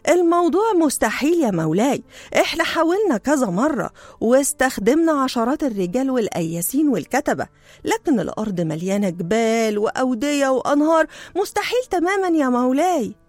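A woman with an Egyptian Arabic accent voicing an excitable, doubting male royal vizier who protests insistently. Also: high-pitched, quick pace, no room sound, voice pushed up. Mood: alarmed. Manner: agitated and insistent.

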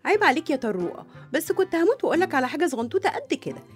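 A woman's voice: high voice, sing-song, racing, soft background music. A woman with an Egyptian accent playing a playful, teasing young sister. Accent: Egyptian Arabic. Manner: teasing, affectionate.

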